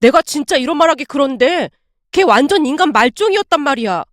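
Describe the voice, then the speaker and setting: A woman's voice: sits high, expressive, brisk, no room sound, clean studio sound. A woman voicing a hot-tempered young husband who bursts out in anger. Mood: angry. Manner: heated, shouting outbursts.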